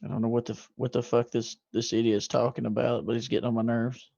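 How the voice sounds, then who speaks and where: A man's voice: mid-range voice, little pitch movement, quick pace, creaky, mellow, dry recording, muffled recording. A man playing a tabletop role-playing game, easygoing and chatty. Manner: easygoing, swears when frustrated. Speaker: player. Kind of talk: tabletop game play, casual chat.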